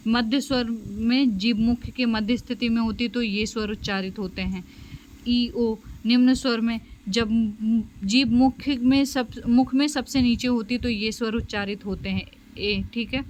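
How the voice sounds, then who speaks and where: A woman's voice: on the high side, fairly even intonation, measured pace, a little mellow, a little hiss or hum, poor audio. A woman teaching a special education lecture and explaining slides, with lots of fillers and "okay?" checks. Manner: explanatory, frequent fillers and "theek hai" checks. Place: home.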